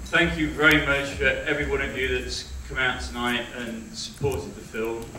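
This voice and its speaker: A man's voice: mid-range voice, level tone, moderate pace, pushed and bright. A middle-aged man closing an event with formal, grateful remarks. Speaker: event organiser thanking the audience. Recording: distant echoey hall with crowd and hum.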